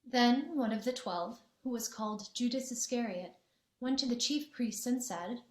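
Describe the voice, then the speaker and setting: A woman narrating a gospel passage in a church dramatic reading, steady and clear. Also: fairly high pitch, normal speed. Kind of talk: scripture narration. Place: church sanctuary. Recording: echoey church room.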